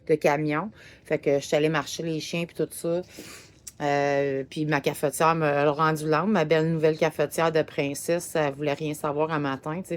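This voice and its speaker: A woman with a low voice and a Québécois French accent talks through her day on the road. Her talk is loose and rambling, full of filler words. She chats to her viewers from a parked RV. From Quebec, Canada. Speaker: RV travel vlogger. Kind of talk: casual travel vlog recap. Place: parked RV in a parking lot.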